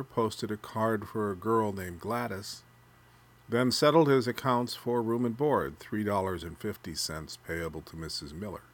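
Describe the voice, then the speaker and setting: A man narrating a literary story, reading prose aloud with a measured, even delivery. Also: lowish voice.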